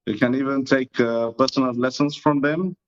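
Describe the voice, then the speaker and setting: Speaking at a normal speed with fairly even intonation, this man has a mid-range voice and an Estonian accent. He's a disc golf YouTuber being interviewed as a guest, and he answers in a relaxed, modest manner over muffled, lo-fi audio.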